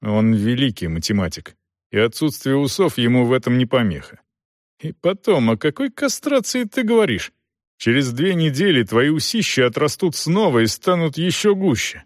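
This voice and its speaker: In an audiobook, a man plays an older father who stays measured and firm. His voice moves with lively intonation. The recording is dry and close to the mic. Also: medium pitch, dry recording, lightly acted. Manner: measured, persuasive. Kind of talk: audiobook reading.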